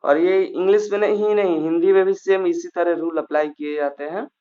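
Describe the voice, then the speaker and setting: A man's voice: sits high, fairly even intonation, brisk, mellow, highs cut off. A man teaching a grammar lesson, explaining step by step with fillers and restarts.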